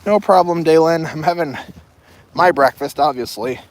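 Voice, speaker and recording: A young woman with a deep voice speaks at normal speed, with no room sound at all. She's livestreaming a casual walk outdoors, a loaded backpack on, chatting to viewers and drifting from topic to topic.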